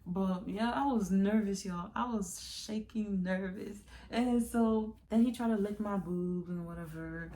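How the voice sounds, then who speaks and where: A woman's voice: mid-range voice, a little slow, hardly any pauses, warm tone, slight background noise. A young woman vlogger chatting candidly to viewers in a casual storytime confession, calling them y'all.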